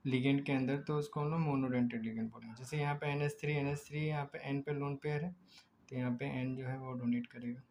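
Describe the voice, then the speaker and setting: A man's voice: fairly high pitch, a little mellow, slight background noise, poor audio. Man teaching chemistry, stretching out terms. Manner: asks himself rhetorical questions while explaining step by step; stretches out chemical names slowly. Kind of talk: recorded lecture.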